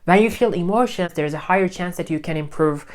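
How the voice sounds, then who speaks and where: This casual vlog features a Turkish man describing his learning routine in English, with a high voice and a bit of background noise. He works out each explanation aloud, rewording it two or three times, in a calm, good-natured tone.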